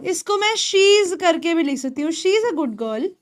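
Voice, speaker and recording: A woman with an Indian accent, a native Hindi speaker, teaching a beginners' spoken English lesson, explaining and repeating English words slowly for pronunciation. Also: very high voice, lively intonation.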